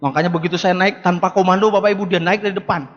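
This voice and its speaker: Speaking very fast in a high, steady voice, a motivational business speaker in his forties addresses a live audience in a large hall directly. His emphatic seminar speech leans on repeated rallying words, captured in an echoey, dull lo-fi recording.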